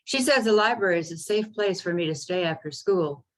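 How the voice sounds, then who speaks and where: A woman's voice: lowish voice, animated, a little fast, natural voice, poor audio. A woman voicing a defiant schoolgirl who spends her afternoons at the library and talks back. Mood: pleading.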